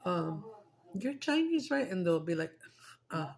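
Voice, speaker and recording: Eating on camera, a talkative mukbang streamer chats casually in a lowish, gravelly voice. She is very animated yet unhurried, keeping things loose, cursing now and then, and drifting into Spanish.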